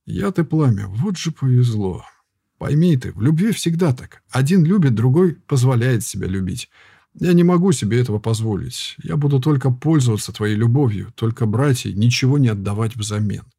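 A man reading an audiobook voices a weary former warrior turned herbalist, talking softly and patiently with frequent sighs. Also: medium pitch, lively intonation, normal speed, vocal fry, breathy edge, no room sound, studio quality. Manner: soft, patient, sighing.

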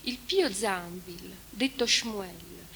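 A woman giving a conference talk, reading a translated text aloud in a measured, deliberate way. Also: medium pitch, bright, forceful tone. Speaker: conference speaker. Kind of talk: academic lecture with read-aloud translation. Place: conference hall. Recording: echoey hall recording with hiss.

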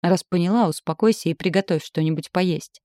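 A woman's voice: low voice, brisk, no room sound, clean studio sound. A woman reading a cold, sneering man. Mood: cold menace. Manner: calm, sneering and threatening. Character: cold, menacing man, the captor's brother.

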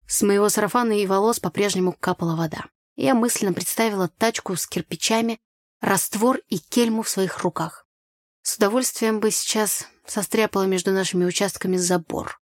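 A woman reading a first-person young-adult novel aloud, lively and acting out the dialogue. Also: medium pitch, a little fast, dry recording, studio quality. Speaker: audiobook narrator.

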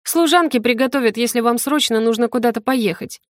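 A high, breathless little voice of a frightened teenage maid, as a woman reader puts her on. She pleads and frets in an anxious rush. The audiobook sound is close and dry, with no room around it. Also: a little fast, no room sound, close to an everyday voice. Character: timid tearful teenage girl servant. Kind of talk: audiobook character voice.

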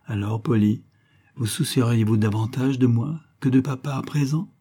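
A man's voice: mid-range voice, normal speed, warm tone, breathy edge. A man playing a good-humoured sixteen-year-old boy in an audiobook, breezy and offhand. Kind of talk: audiobook character voice.

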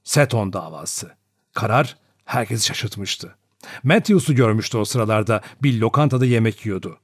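A man narrating a novel as an audiobook, reading in an expressive, dramatic way. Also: on the low side, normal speed, husky, no echo, clean studio sound.

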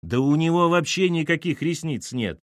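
A man's voice: a little high, lively intonation, normal speed, no room sound, clean studio sound, pitched above the performer's own voice, close to an everyday voice. A man voicing a skeptical, sarcastic mother-in-law who dismisses everything in an audiobook. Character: snorting skeptical middle-aged mother-in-law.

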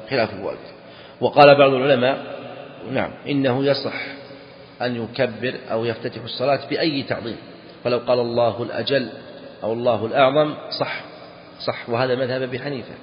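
A man teaching Islamic law in a lesson, deliberate and explanatory, often repeating key phrases. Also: mid-range voice, a little hiss or hum. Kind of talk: explaining a read text in a lesson. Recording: dull echoey hall recording.

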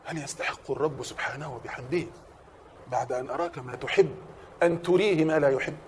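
Egyptian male preacher, quick delivery with a slightly raised pitch, passionate sermon that drops to a hush and then rises to shouts. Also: lively intonation, a little hiss or hum. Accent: Egyptian Arabic. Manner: impassioned, swings from hushed to shouting.

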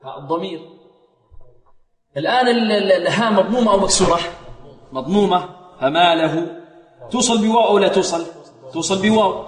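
A man teaching Quran recitation rules, quizzing his students and chanting verses slowly to show each rule. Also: high-pitched, echoey room, big-room sound. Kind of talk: tajweed lesson with sung recitation.

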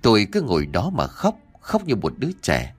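A man's voice: on the low side, wildly swooping pitch, moderate pace, husky, soft background music. A man narrating a first-person ghost story in a scripted reading.

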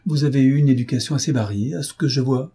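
A man reading an audiobook, voicing an ironic young male captain in measured, dry tones. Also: mid-range voice, dark tone, breathy edge, pitched above the performer's own voice.

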